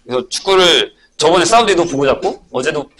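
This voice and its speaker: A middle-aged man, a math academy teacher, giving an information session talk to parents and telling stories in an animated way. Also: fairly high pitch, a little fast. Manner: animated storytelling, acting out students and himself.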